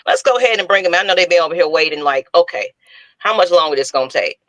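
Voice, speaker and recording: A woman's voice: on the low side, fast talker, a crowd in the background, low-quality recording. A woman hosting a sports podcast, teasing and hyping her guests. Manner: teasing, lively, hypes the guests. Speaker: podcast host. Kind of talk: casual chat.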